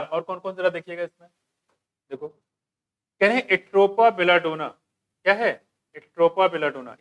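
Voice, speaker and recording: A man with a fairly high voice teaching an exam-prep biology class. He explains casually, keeps asking his students rhetorical questions and drops English terms into his talk. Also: fairly bright tone.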